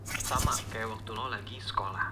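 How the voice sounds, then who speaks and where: A man in his twenties narrating a finance video through a voice changer that makes his voice sound unnaturally deep and processed, with a steady, explanatory delivery. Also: moderate pace. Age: 20s. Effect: voice changer, deep altered pitch.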